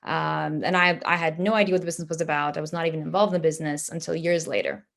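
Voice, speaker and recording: A woman in her thirties from Dubai, a family business executive, answers interview questions in a plain, explanatory way. Her low-pitched voice is steady, fast, creaky and a bit bright.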